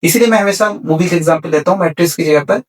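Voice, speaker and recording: A man's voice: fairly high pitch, racing, recorded from a distance. A man on a podcast explaining spiritual ideas in a conversation, repeating key words and mixing in English terms. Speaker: spiritual speaker.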